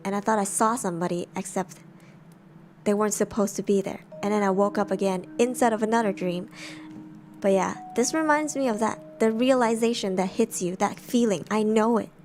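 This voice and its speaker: A woman's voice: mid-range voice, a little fast, darkish tone, soft background music. A woman streamer chatting casually in her bedroom while reading horror stories, talking in a jumpy, giggly way. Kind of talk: casual livestream chat.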